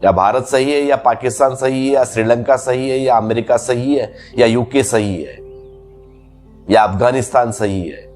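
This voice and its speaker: A man's voice: mid-range voice, normal speed, a little mellow, soft background music. A man giving a spiritual discourse as a teacher, explaining patiently through repeated everyday examples.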